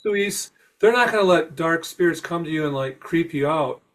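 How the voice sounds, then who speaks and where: Reassuring man with a slightly high voice. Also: expressive, fairly quick, fairly bright tone. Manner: reassuring, encouraging, hesitant restarts. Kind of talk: casual spiritual discussion.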